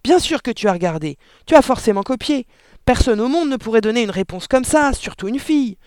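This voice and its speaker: A man's voice: sits high, big pitch swings, normal speed, vocal fry, dry recording, full character voice. A man voicing a boastful, bullying middle-aged father in an audiobook story. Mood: furious shouting. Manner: bragging, then shouting in anger.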